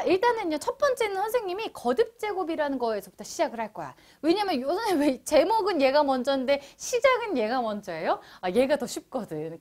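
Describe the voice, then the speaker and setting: A young woman teaching middle school math in a bright, high voice. Her pitch leaps and dips all the time, and she keeps the lesson playful and chatty, turning to her students as she goes. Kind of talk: online lecture to middle schoolers.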